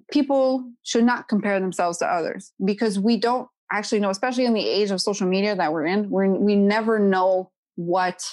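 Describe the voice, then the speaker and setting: Her voice is medium-pitched and somewhat dark, recorded with no echo. Hailing from Quebec and in her thirties, she talks with a Quebec French accent as a guest on a relaxed podcast, often adding "you know" and "right?".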